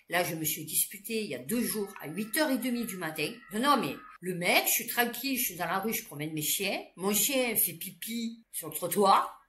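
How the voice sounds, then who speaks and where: A woman vlogger telling stories in an animated, slangy rant, with loud outbursts and laughs. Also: medium pitch. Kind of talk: casual ranting monologue. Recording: roomy echo.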